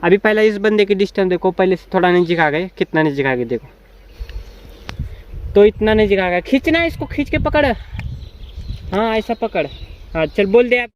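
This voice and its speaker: A man with a high-pitched voice hosts a casual outdoor vlog, trying out a homemade cup phone. He keeps calling out loud directions to a helper standing far off in a rural field. A faint hiss of noise sits under his voice. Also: brisk, pauses often, highs cut off. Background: faint background noise.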